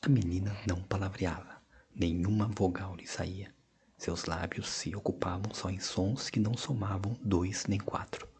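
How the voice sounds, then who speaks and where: A man narrating an audiobook of short stories in a measured, expressive reading with hushed passages. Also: deep voice, slightly rough. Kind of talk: scripted narration.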